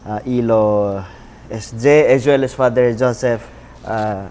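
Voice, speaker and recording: A man's voice: medium pitch, steady tone, measured pace, a little mellow, a little hiss or hum. A man hosting a podcast interview, hesitant and filler-heavy, ending phrases with little tag questions. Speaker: podcast host, Jesuit brother.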